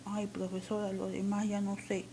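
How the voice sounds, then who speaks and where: A woman's voice: mid-range voice, completely flat delivery, moderate pace, dark tone, slight background noise, close to an everyday voice. A woman playing an eager schoolgirl pupil. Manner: keen, asking the teacher questions.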